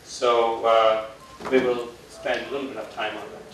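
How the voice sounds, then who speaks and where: A man giving a public lecture to students, relaxed and full of "uh" fillers, in a large hall. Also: mid-range voice, normal speed, slight background noise. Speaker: guest lecturer. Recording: echoey hall, voice from far off.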